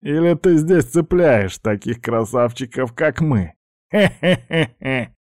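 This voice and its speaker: A man's voice: mid-range voice, lively intonation, unhurried, a little mellow, dry recording, clean studio sound, pitched above the performer's own voice, lightly acted. A man voicing a crude, menacing bald male street thug who sneers and swears. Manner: sneering, threatening, foul-mouthed.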